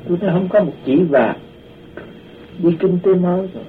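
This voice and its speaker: A man's voice: high-pitched, normal speed, slight background noise. A man animatedly recounting a personal story and acting out the voices of the people in it. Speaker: storyteller recounting his past. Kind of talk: spoken personal testimony. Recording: tinny phone-like distant recording.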